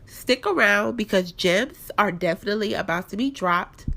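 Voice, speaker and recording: Recorded on a home mic in her apartment, a young woman hosts a casual faith-based podcast, talking candidly and personally to listeners through a stuffed-up nose. Her middle-pitched voice moves at normal speed, with vocal fry and a pushed, bright quality.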